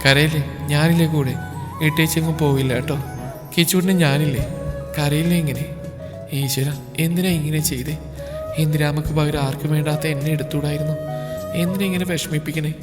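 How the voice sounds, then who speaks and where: A man voicing a grieving, self-doubting young woman, speaking in a soft, hushed, pleading way in a storybook narration. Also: a little high, steady tone, moderate pace, big-room sound, music in the background, lightly acted. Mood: tender, comforting.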